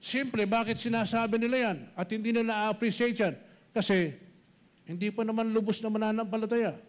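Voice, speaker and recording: A man's voice: high voice, fairly even intonation, a little fast. A middle-aged man with a Filipino accent preaching a sermon, mixing Tagalog and English and calling his listeners brothers and sisters. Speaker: pastor.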